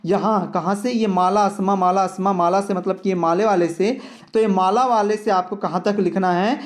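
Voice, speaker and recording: A man's voice: sits high, fairly even intonation. A man, teaching an English lesson to children and explaining each line patiently. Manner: slow, patient, addresses children directly. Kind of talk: reading an English worksheet aloud and explaining it in Hindi.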